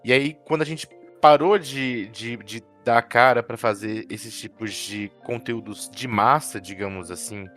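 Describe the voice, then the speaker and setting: Relaxed male podcast co-host. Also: medium pitch, unhurried, few pauses, faint music behind. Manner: relaxed, conversational, tag questions. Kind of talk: casual podcast conversation.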